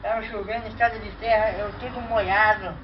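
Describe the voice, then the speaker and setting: A man telling a comic story as a clown, animated and full of exaggerated exclamations and sound effects. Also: high voice, fairly quick. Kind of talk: comic storytelling duo routine. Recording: distant, dull mic with faint noise.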